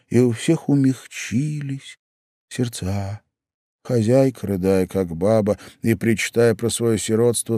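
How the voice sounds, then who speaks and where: A man reading a classic story aloud in a measured, expressive audiobook narration on a studio microphone. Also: fairly low pitch, no room sound. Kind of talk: scripted literary narration.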